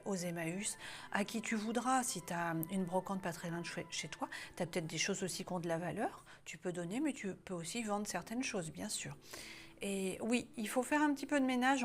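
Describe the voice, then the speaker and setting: A woman giving a casual tarot guidance reading, talking hesitantly with many fillers and restarts, chatty and informal. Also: mid-range voice. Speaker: tarot card reader.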